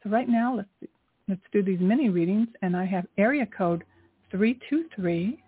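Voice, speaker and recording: A woman hosting a spiritual call-in show as an angel card reader, speaking in an encouraging, affirming way with a husky, gravelly voice. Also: mid-range voice, normal speed, no room sound. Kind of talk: spiritual reading with call-in segment. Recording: tinny phone-line sound, roomless and dry.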